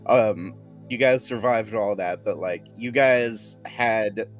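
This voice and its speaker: A man's voice: fairly low pitch, slow, soft background music. A man co-hosting a casual podcast, complaining loosely and swearing. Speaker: podcast co-host.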